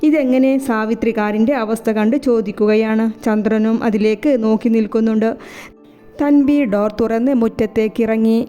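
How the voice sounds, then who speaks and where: Woman narrator for a serialized romance, voicing every character herself, warm dark tone. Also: on the high side, level tone, moderate pace, clear, resonant tone. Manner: reads every character's dialogue in her own voice. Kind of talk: storybook narration. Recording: soft music behind.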